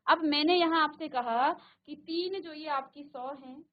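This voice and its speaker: Teacher lady sounding out letters slow for the class, kinda high voice. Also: lo-fi sound. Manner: slow, repeats syllables aloud for pupils. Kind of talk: classroom lesson. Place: studio virtual classroom.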